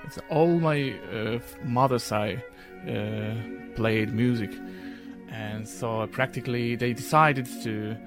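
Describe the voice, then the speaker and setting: A man with a gravelly, creaky voice, outdoors on a street. He pauses often and searches for his words. Music plays clearly behind him. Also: mid-range voice. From Hungary. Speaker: street violinist. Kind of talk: interview answers.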